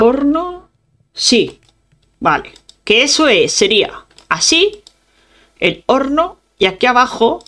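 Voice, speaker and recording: A young woman hosting a gaming channel, chatting casually to her viewers as she plays and humming little sound effects. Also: lowish voice. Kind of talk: casual gameplay commentary.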